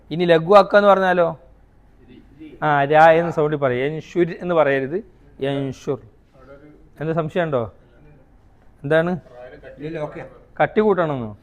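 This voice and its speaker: A high-pitched man leads a recitation class. He asks his students questions, then answers them himself. He sounds out each rule slowly and repeats it. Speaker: Quran recitation teacher. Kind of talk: classroom tajweed lesson.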